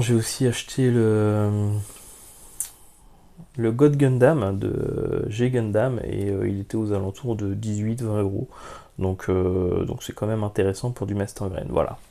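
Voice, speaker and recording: A man's voice: lowish voice, fairly even intonation, slow, vocal fry, mellow. A man hosting a casual unboxing vlog, talking frankly about a model kit with lots of hesitations. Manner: chatty, many hesitations, frank opinions. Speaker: YouTube model-kit reviewer.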